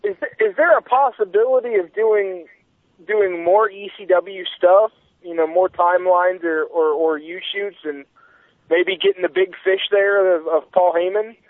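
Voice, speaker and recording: A man's voice: sits high, animated, no room sound. A man calling a radio show by phone while driving, asking his question in a hurry. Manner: hurried, asks quickly between stops. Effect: phone call from a moving car. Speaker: caller. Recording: tinny phone line, dry.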